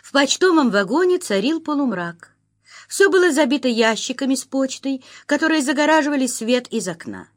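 A woman giving an audiobook narration in a steady, expressive reading manner. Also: high voice, moderate pace.

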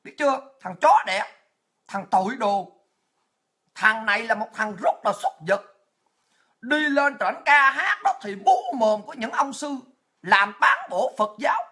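Fiery Southern Vietnamese woman, husky and bright. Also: on the high side, expressive, unhurried. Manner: angry, profane, repetitive rant. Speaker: political commentator. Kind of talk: ranting online monologue.

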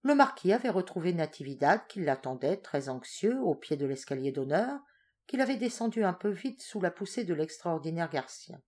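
A woman reading a novel aloud as an audiobook, with a steady, clear storytelling delivery. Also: on the low side, normal speed. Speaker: audiobook reader.

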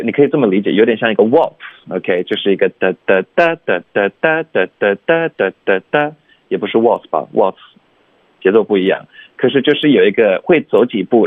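A man teaching English pronunciation on a radio lesson, explaining calmly and slowly sounding out example phrases. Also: on the low side, slightly rough, no echo. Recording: tinny phone-like radio sound.

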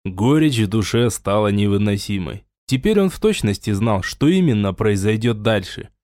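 A man reading a science fiction audiobook in a measured, dramatic narration. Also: lowish voice, lively intonation, darkish tone, no echo, clean studio sound. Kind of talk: scripted narration.

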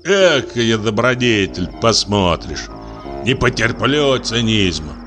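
A drowsy, grumpy husband who mutters and brushes everything off, in an animated storybook reading. The male reader voices him close to his own lively voice, with faint music underneath. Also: medium pitch, measured pace. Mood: grumbling. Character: sleepy, grumbling male assistant prosecutor, middle-aged.

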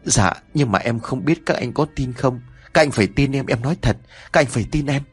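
A man's voice: fairly low pitch, animated, normal speed, breathy edge, soft background music. A man voicing a panicked driver pleading with the police.

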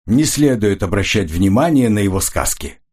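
A man's voice: fairly low pitch, expressive, normal speed, darkish tone. A man voicing a sullen, curt former agent who answers defensively in an audiobook.

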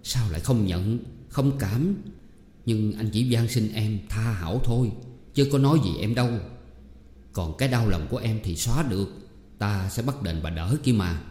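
A man voicing an anxious, guilty husband, speaking softly and pleading. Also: on the low side, normal speed, lightly acted. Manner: soft, pleading. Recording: roomy hall echo, faint music.

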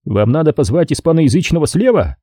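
An impatient police desk sergeant snaps short, clipped phrases down the line, as a male reader puts him on. The voice sits high and jumps around, over a dark, husky tone in a dry close recording. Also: sing-song, fairly quick, no room sound. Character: gruff Brooklyn police desk sergeant, impatient, mangling words.

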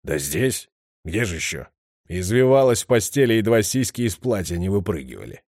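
A crude, menacing heavyset man, as a male reader puts him on. He talks in a coarse, leering growl that swings widely from sullen lows to roaring highs. The recording is dry and close, with no room around it. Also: sing-song, normal speed, darkish tone, no room sound. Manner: growling, aggressive.

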